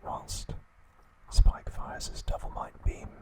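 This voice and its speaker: In a breathy, unvoiced ASMR whisper, a man recaps an episode, leaving deliberate pauses between his short phrases. There is background noise.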